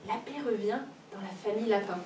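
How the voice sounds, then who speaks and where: A woman reading a picture book aloud to children in a library, playful and expressive with sound effects. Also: medium pitch, brisk, slight background noise. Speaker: storyteller. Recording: roomy room recorded from a distance, faint ambience.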